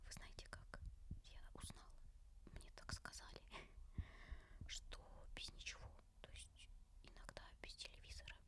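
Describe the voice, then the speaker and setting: A woman softly whispering casual, personal ASMR chat in a tender, caressing, breathy way, as host to her listeners. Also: moderate pace, pauses often.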